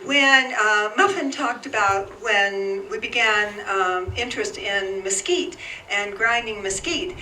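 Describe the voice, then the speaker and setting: A woman's voice: mid-range voice, slow, sharp tone. An older woman, an author, telling wry personal stories at a memorial gathering. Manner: storytelling, wry. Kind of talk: personal remembrance. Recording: echoey room, far from mic, faint noise.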